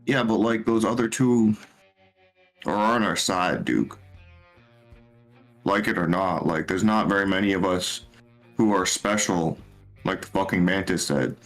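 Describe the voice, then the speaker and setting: Low-voiced, laid-back swearing man. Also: measured pace, pauses often, a bit bright, faint music behind. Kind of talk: tabletop role-play in character.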